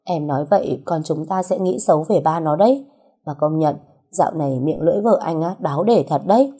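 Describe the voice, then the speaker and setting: A woman's voice: deep voice, a little fast, warm tone, slightly rough. A woman playing a doting, pleading young husband. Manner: pleading, coaxing.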